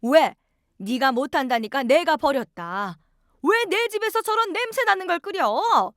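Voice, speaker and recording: A woman's voice: sits high, animated, a little slow, fairly bright tone, dry recording, studio quality, voice pushed up. A woman voicing a scornful, nagging middle-aged mother-in-law who sneers and scolds.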